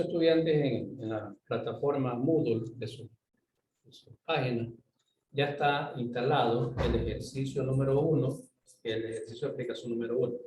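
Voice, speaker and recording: A man's voice: medium pitch, darkish tone. A man giving an online university lecture, explaining step by step and often checking that students follow. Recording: roomy, distant mic, faint ambient noise.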